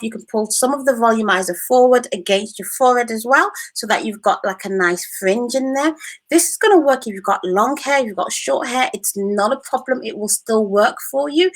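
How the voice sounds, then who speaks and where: Reassuring British woman giving hair tips. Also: a little high. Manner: reassuring, repetitive, uses fillers like "you know". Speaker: hair salon presenter. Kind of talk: casual how-to tutorial.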